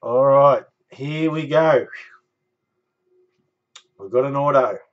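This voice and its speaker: A man's voice: mid-range voice, slow, highs cut off. A man in his thirties hosting a live card break, calling out numbers and winners with catchphrases like a bingo caller. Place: small indoor room stacked with boxes.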